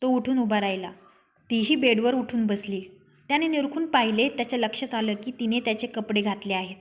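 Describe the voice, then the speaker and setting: A woman's voice: fairly high pitch, a little fast, muffled recording. A young woman narrating her own written love story, reading every character's lines herself.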